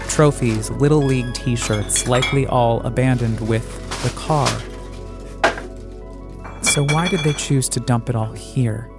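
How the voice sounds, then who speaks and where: A man from the United States narrating a scripted first-person audio essay in a reflective, deliberate way. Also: mid-range voice. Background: music.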